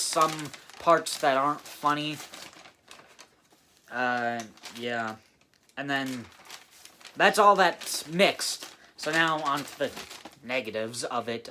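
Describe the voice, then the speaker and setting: A man giving a casual movie review, halting with many fillers and restarts. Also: medium pitch, bright, forceful tone, a little hiss or hum. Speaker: film reviewer.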